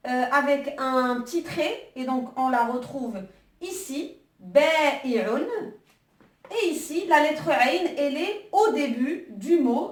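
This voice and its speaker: A woman's voice: high-pitched, fairly bright tone, echoey room, distant mic. A woman teaching an Arabic alphabet lesson online, patiently guiding exercises with frequent hesitations.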